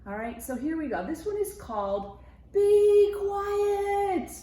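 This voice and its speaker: An American school media specialist reads a picture book aloud to children, adding conversational explanatory asides. Her voice is extremely high-pitched yet dark in tone, and slow, with a roomy echo in the recording.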